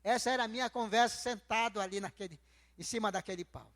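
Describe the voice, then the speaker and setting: A man whose first language is Nheengatu, telling his conversion story in a church service in a slow, heartfelt way and repeating his phrases. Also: sits high, a bit bright, big-room sound. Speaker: guest speaker giving testimony.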